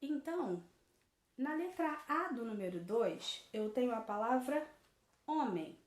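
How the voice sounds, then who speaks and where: A woman teacher, slowly correcting a worksheet in a recorded lesson and repeating each answer. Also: fairly high pitch, lively intonation, roomy sound.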